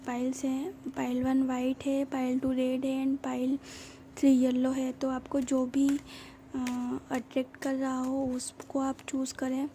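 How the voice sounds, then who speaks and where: Speaking slowly in a completely flat, high voice, this woman reads tarot directly to her audience. Her delivery is somewhat quiet, relaxed and comforting, full of filler noises, with a slight hiss or hum underneath.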